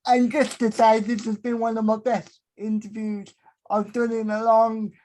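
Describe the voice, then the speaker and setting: A male podcast host speaks in a careful, slightly hesitant way. His pitch barely moves, which gives him a level, even tone. The setting is a casual chat over a call. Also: unhurried. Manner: soft-spoken, careful, somewhat hesitant.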